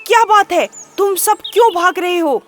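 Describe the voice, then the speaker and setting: Woman playing a bossy lion king, loud and raised up high, barking questions, music faint underneath. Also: very animated, a little slow, exaggerated voice. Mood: startled. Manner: booming, demanding questions. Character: roaring lion king, commanding and stern. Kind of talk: children's storybook voice acting.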